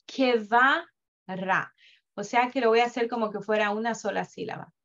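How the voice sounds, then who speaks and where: A woman teaching Hebrew reading in a live class, slowly drawing out sounds to demonstrate them with patience. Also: fairly high pitch, a bit bright. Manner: patient, drawn-out demonstrative pronunciation. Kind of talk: slow online reading lesson. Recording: dull lo-fi audio.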